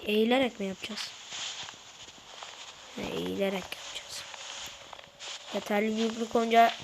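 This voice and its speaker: A woman's voice: on the high side, steady tone, normal speed, gravelly, background noise. A woman giving casual commentary to her viewers while playing a game, slightly ill. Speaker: gaming YouTuber.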